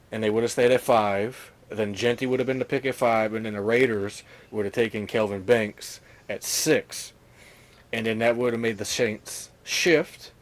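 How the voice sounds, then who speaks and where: A man co-hosting a casual sports talk stream, talking through picks with hedges and fillers. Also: medium pitch. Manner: analytical, hedging, many fillers. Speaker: co-host.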